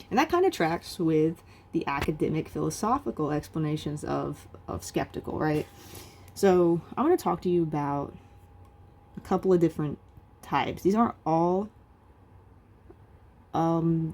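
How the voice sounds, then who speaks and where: A woman's voice: sits low, lively intonation, a little slow, pauses often, darkish tone. A woman teaching a recorded philosophy lecture in a casual, chatty way, with many fillers and restarts.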